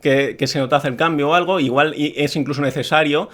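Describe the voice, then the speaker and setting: A man's voice: a little high, fairly even intonation, a little fast, a bit bright. Emphatic man with a Peninsular Spanish accent. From Spain. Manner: opinionated, emphatic critic. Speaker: video creator. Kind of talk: opinion monologue.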